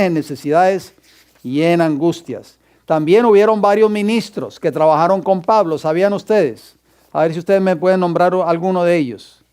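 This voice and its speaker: Male pastor in a church classroom, high clear voice, teaching and dictating verses to students. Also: a little mellow. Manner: quizzes the class and dictates scripture references. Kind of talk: Bible class lecture.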